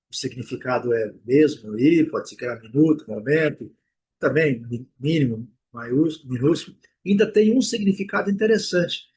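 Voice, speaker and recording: A Brazilian man teaching English pronunciation in an online lesson, explaining patiently and repeating each word slowly to drill it. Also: a little high, darkish tone, breathy edge, low-quality recording. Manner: drills words by slow repetition; explanatory, with rhetorical check-ins.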